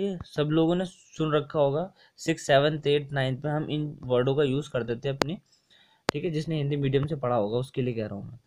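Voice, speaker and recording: A young man walks viewers through exam answers in an easy, chatty way. His voice sits a little high, and he repeats points and checks in often while mixing English terms into his explanations. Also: darkish tone. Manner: chatty and repetitive, mixing English words into Hindi, often saying ठीक है. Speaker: exam coaching tutor. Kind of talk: casual screen-share lesson explaining test answers.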